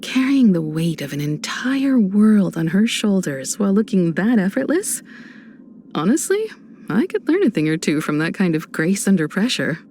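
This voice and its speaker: An actress voicing Himeko, a graceful, composed and warm space navigator in a video game, with a poised, gently reassuring manner. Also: female voice, mid-range voice, very animated, moderate pace, slight background noise. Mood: reflective, admiring. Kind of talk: polished game voice acting.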